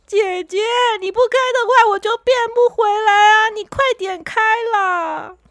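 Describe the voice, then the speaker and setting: A woman voicing a little boy who has been turned into a race car, talking in a rushed, pleading way. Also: very high voice, a bit bright, no room sound, studio quality, voice pushed up, heavily acted. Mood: impatient.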